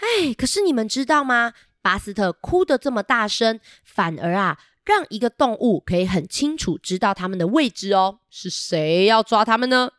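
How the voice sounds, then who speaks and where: A woman with a Taiwanese Mandarin accent reading a picture book aloud to children, asking them lively questions. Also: fairly high pitch, normal speed, hardly any pauses, dry recording, studio quality. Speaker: children's storyteller.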